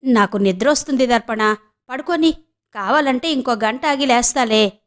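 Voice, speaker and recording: Keep it sleepy and soothing as a woman playing a passive young husband, pitched a bit high. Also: moderate pace, close to an everyday voice. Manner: tired, placating.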